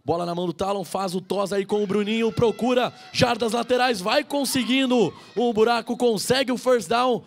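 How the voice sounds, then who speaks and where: A Brazilian man works as a play-by-play commentator on live American football. His voice is very high for a man, with a creaky, gravelly edge. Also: normal speed, few pauses, soft background music.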